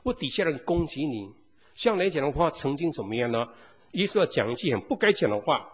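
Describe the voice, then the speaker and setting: A man's voice: fairly high pitch, expressive, brisk, husky. A man preaching a sermon as pastor, peppering the congregation with rhetorical questions. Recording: long hall reverb.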